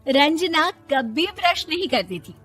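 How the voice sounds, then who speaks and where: A woman narrating a cartoon story in a lively, expressive way. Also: high voice, slow, soft background music.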